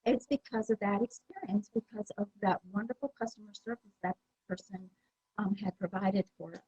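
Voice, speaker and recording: A woman's voice: mid-range voice, moderate pace, warm tone, breathy edge, no room sound, muffled recording. A woman giving a conference presentation, talking in a conversational way with many fillers and restarts. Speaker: presenter at a user group meeting.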